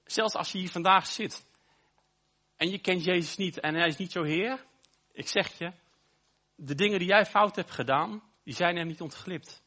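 A man preaches, building emphatic, repeated phrases and slowing down to stress them. His voice sits fairly high and sounds bright and forceful. A husky edge runs through it. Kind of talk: sermon.

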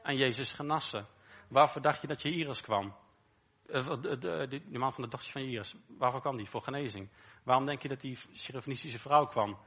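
A man preaches in an easy, conversational way with a bright, forward tone. He asks his listeners rhetorical questions and repeats short phrases for emphasis. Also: medium pitch, a little fast. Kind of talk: informal sermon.

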